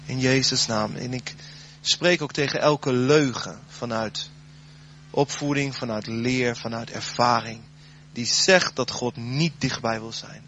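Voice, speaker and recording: A man preaching a sermon, then leading a spoken prayer, his voice swelling loud and dropping soft. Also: mid-range voice, fairly even intonation, a little slow, highs cut off, slight background noise.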